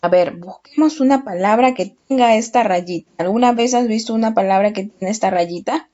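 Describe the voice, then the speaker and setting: A woman teaching children, speaking slowly and patiently, asking questions and then answering them herself. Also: mid-range voice, mellow. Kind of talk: children's lesson. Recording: dull lo-fi recording.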